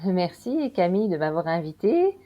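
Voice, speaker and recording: A woman, a podcast guest telling her story casually with many pauses and fillers. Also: fairly low pitch, dull audio. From Belgium. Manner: relaxed, hesitant, with many fillers. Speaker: interview guest.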